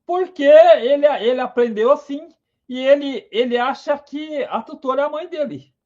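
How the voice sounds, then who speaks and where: Guy hosting a live stream, very high voice, dull lo-fi sound, eager and chatty. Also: moderate pace. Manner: enthusiastic, greets viewers by name. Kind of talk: casual live science talk.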